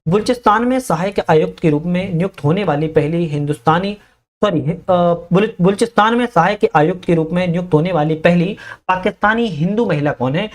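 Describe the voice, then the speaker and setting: Measured man teaching exam quiz answers. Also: high-pitched, darkish tone. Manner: reads each question aloud, then answers in a measured pace; corrects his slips mid-sentence. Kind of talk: current-affairs quiz lesson.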